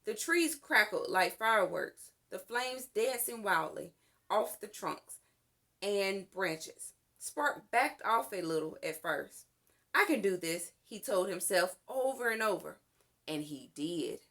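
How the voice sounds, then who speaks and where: In a medium-pitched voice, a woman reads a children's story aloud with expressive, deliberate storytelling.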